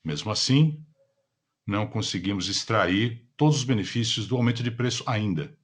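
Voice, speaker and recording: A man's voice: fairly low pitch, normal speed, slightly rough. A Brazilian man working as a simultaneous interpreter, delivering a formal business presentation.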